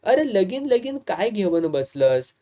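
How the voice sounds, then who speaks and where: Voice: mid-range voice, big pitch swings, slow pace, mellow. A reader voicing a teasing, evasive young village woman with a Malvani accent in an audiobook. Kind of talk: audiobook dialogue reading.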